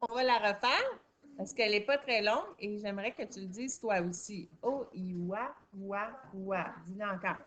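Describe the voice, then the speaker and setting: A woman teacher, guiding young children through a phonics lesson with clear questions and praise. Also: medium pitch, lively intonation, brisk, a bit bright.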